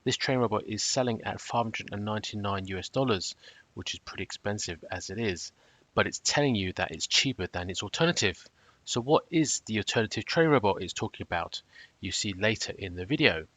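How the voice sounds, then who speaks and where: A man with a fairly low voice reads a scripted review close to the mic. His delivery is measured and matter-of-fact, with a cautionary edge. The sound is dry, with no room around it. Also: a bit bright, dry recording. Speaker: trading robot reviewer.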